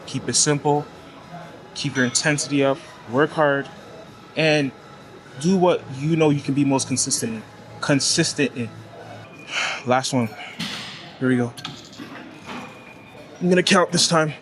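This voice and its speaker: A young fitness vlogger from Toronto, Canada, with a Toronto accent, chats casually and coaches between sets in an indoor gym, his mid-range voice a bit bright, measured and full of pauses. Soft background music plays, and the low-quality audio comes from a clamped camera mic with no tripod.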